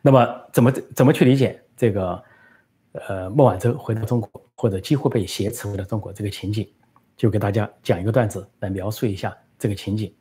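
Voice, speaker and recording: Low mellow-voiced male commentator. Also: fairly even intonation, brisk, husky. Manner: conversational, many fillers. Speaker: political commentator. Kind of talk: political commentary with live Q&A.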